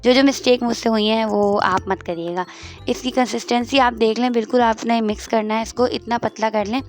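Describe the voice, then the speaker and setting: A woman's voice: on the high side, fairly even intonation, fairly quick, soft background music. A woman hosting her own cooking channel, walking through a home recipe step by step and repeating instructions as she stirs. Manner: homely, repetitive step-by-step instructions.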